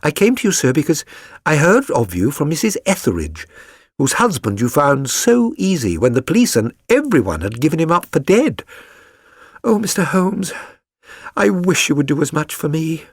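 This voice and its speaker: Man voicing a flustered young London woman, animated and high. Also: normal speed, slightly rough, no echo, studio quality, heavily acted. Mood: pleading. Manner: rambling, earnest, eager. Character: chatty, flustered young working-class London woman client.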